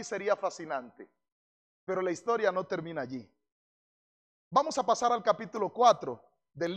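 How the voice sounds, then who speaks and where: A male pastor with a strikingly high voice preaches a fervent sermon. He questions his congregation directly and builds to shouted emphasis.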